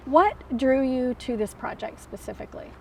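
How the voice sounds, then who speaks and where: A woman's voice: high-pitched, moderate pace, creaky, warm tone, a little hiss or hum. A woman hosting an interview, friendly and encouraging, with short affirmations. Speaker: interviewer, host. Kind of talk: casual interview chat.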